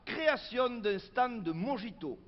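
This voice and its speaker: An actor playing a gruff, jokey male union organiser, talking in a deadpan drawl. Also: sits high, measured pace. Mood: businesslike. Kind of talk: comedy sketch dialogue. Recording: dull roomy recording with faint hiss.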